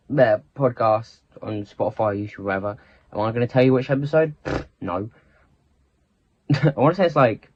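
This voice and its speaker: A man's voice: lowish voice, lo-fi sound. A teenage boy, telling a rambling storytime story in casual chat and often cutting himself off. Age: teens. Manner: rambling, self-interrupting, chatty.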